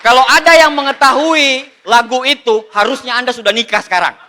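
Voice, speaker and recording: A man telling a comic story to a seminar audience as a motivational speaker, animated and exclaiming, acting out what others said. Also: extremely high pitch, a little hiss or hum. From Indonesia.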